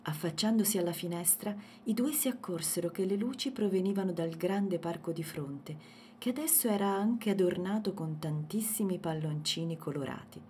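A woman narrating a children's storybook in a gentle, expressive way. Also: on the low side, moderate pace, a little hiss or hum.

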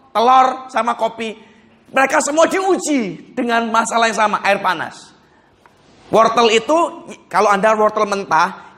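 High-voiced, animated male preacher. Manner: animated, chuckling, conversational. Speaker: pastor. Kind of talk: sermon with personal storytelling.

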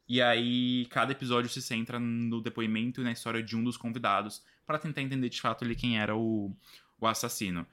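Brazilian man, podcast co-host, bright voice, chatty with laughs, casual. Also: on the low side. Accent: Brazilian Portuguese. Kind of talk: casual chat.

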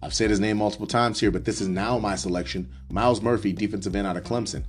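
A man's voice: on the low side, steady tone, fast, soft background music. A man hosting his own show, talking through picks in a loose, rambling way with many restarts and fillers. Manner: rambling, self-correcting, frequent ums. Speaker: podcast host doing a mock draft. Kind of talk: casual solo analysis, off the cuff.

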